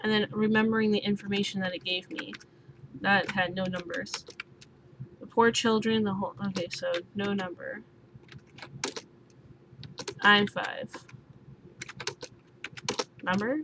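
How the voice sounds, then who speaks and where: A woman's voice: mid-range voice, fairly even intonation, unhurried, pauses often. Swearing young woman gaming, sleepy. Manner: swears often, exclaims, thinks aloud. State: sleepy, just woke up. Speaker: gaming YouTuber. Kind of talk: let's play commentary. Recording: noisy home recording with keyboard sounds.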